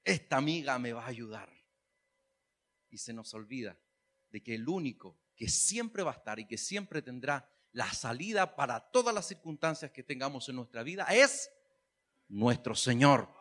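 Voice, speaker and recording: A man's voice: mid-range voice, big pitch swings, moderate pace, a bit bright. A man preaching a sermon, chatty and humorous, then rising to emphatic calls. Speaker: pastor.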